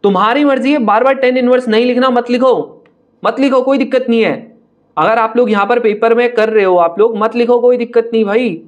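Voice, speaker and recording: A young man teaching an online maths lesson for exam prep in speech, talking straight to his students in a brisk, chatty, teasing way. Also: very high-pitched, muffled recording. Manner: brisk, chatty, addresses students directly, mocks hard-looking questions.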